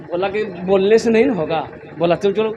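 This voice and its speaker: A man preaching a sermon to a gathering, passionate, swinging between loud exclamations and hushed storytelling. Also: high voice, brisk, dull audio, noisy background. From India. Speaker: Islamic preacher.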